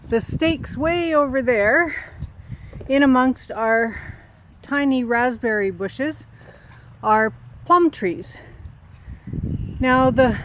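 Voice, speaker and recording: Slow, halting woman outdoors. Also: fairly high pitch, muffled recording, slight background noise. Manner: slow, halting, many fillers. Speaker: homesteader showing her garden. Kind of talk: casual explaining to camera. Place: outdoors by a driveway.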